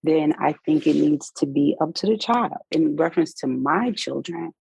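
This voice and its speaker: Low husky woman co-host, muffled sound. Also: expressive, moderate pace, a little mellow, no echo. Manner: candid, storytelling from personal experience. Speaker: podcast co-host. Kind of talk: casual podcast chat.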